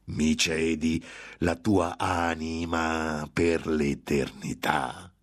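A man voicing a gloating, impatient male demon who tempts a monk, drawing out his words slowly and menacingly. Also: a bass voice, flat delivery, heavily acted. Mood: coaxing. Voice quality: slow, drawn-out menacing delivery.

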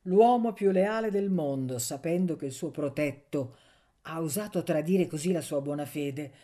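A woman narrating a novel aloud in a measured, expressive reading. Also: deep voice. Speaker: audiobook narrator. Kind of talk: scripted literary narration.

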